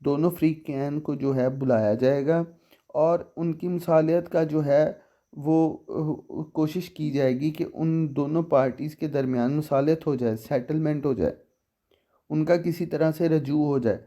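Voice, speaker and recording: A man gives a law lesson in a slow, deliberate way. His voice sits a little high and sounds mellow. He reads each statute clause carefully, then explains it and asks the listener what it means. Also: steady tone. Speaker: legal explainer.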